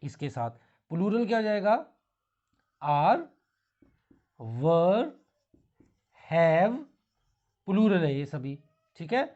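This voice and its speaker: A man with an Indian accent teaching English grammar in a classroom, explaining slowly in Hindi mixed with English and spelling words out. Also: on the high side, big pitch swings, darkish tone, highs cut off.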